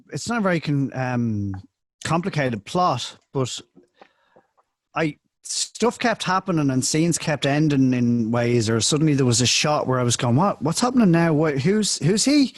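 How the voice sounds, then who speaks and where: A man's voice: fairly high pitch, no echo. Hesitant man on a dry mic. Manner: hesitant, halting, lots of restarts. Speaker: podcast co-host. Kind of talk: casual movie review chat.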